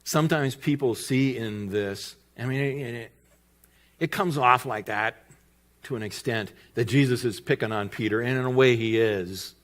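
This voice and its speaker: A male pastor preaching a sermon in church, telling a story with lively delivery and acted-out quotes. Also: medium pitch, normal speed. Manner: lively storytelling, acting out voices in quoted lines.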